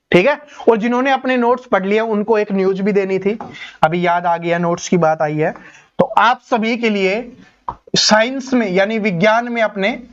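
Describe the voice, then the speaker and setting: A man teaches an online exam-prep class. His voice sits high, and he works through each question step by step, putting rhetorical questions to his students. The recording sounds dull and lo-fi. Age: 30s.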